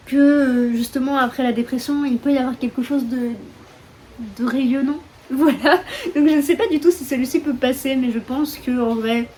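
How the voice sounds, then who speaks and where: A chatty young French woman who vlogs about books speaks casually in a high, a little mellow voice, using many fillers and self-mocking remarks. She's in a room at home with the windows open while a storm blows outside, and faint wind and rain noise is audible.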